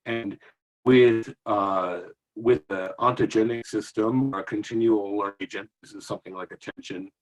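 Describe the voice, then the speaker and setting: A man speaking as a guest over a video call whose audio cuts in and out, so his volume keeps rising and dipping, and he talks haltingly with many restarts. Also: on the low side, rough recording. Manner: halting, full of restarts and fillers. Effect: choppy call audio with uneven, dipping volume. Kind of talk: remote panel discussion.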